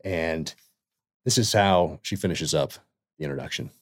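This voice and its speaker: A man hosting a podcast, reading a book excerpt aloud and then welcoming his guest in a halting way, with many fillers and restarts. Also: low-pitched, no echo, studio quality. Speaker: podcast host.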